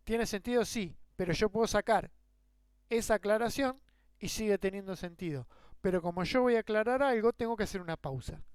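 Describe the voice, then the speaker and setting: Rioplatense man teaching grammar, crisp and dry. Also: high voice, darkish tone, dry recording. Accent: Rioplatense Spanish. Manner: explains with rhetorical questions and worked examples. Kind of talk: grammar lecture.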